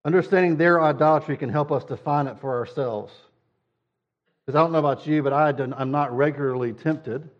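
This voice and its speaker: A man's voice: mid-range voice, dull audio. A man preaching a sermon in a conversational way, sometimes acting out whiny quoted voices. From United States. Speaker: pastor.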